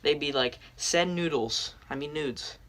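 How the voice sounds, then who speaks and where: A woman's voice: sits low, unhurried, fairly bright tone. A woman YouTuber giving crude, sarcastic reaction commentary, mocking the story she plays.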